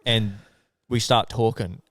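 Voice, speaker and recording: A man's voice: lowish voice, steady tone, takes it slowly, fairly bright tone, dry recording. A young Australian man co-hosting a podcast, telling stories in a laid-back way and swearing a lot. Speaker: podcast co-host. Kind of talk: casual storytelling chat.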